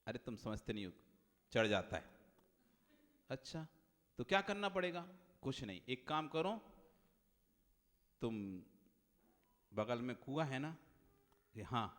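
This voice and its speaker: A man playing a smug quack doctor who speaks in a low, hushed, confident tone. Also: lively intonation, slow, pauses often. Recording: long hall reverb.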